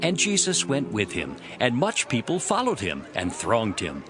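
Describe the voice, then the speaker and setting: Over loud background music, a man performs scripture as a dramatic story. He speaks at normal speed in a medium pitch, with huge swings up and down.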